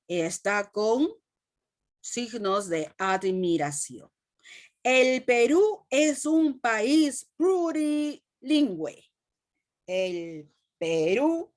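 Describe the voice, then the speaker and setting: A woman with a Peruvian Spanish accent teaching a class, asking the students questions and repeating phrases slowly. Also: on the high side. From Peru. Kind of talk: classroom lesson.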